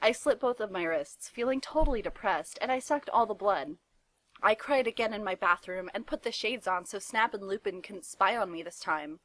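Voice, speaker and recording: A woman giving a dramatic reading of fanfiction with a deadpan, mock-dramatic delivery. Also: mid-range voice, moderate pace. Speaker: reader.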